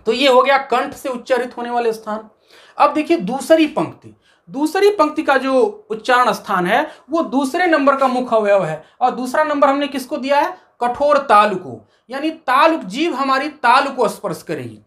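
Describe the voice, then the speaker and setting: A woman's voice: high-pitched, expressive, fairly bright tone. A woman teaching a Hindi grammar lesson, explaining step by step and asking questions that she answers herself. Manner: recites letters of the alphabet slowly.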